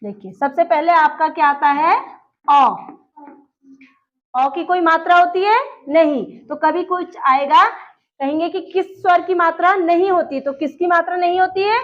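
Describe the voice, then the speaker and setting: A woman's voice: very high voice, normal speed, a bit bright. A woman teaching a grammar lesson, explaining step by step and asking questions that she then answers herself. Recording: dull lo-fi recording.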